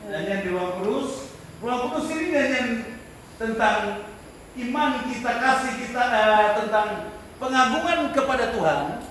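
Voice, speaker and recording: Man, high voice, church teaching, animated, rhetorical questions, echoey room, far from mic. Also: a little slow, slight background noise. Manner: animated, rhetorical questions to the class, frequent laughter. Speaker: teacher of worship leaders.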